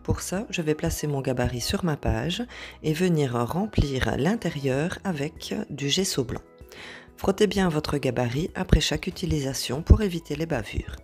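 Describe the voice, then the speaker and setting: Calm French-speaking woman explaining crafts. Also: sits low, normal speed, faint music behind. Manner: calm, step-by-step explaining with some hesitations. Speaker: craft tutorial host. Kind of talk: art journal tutorial narration.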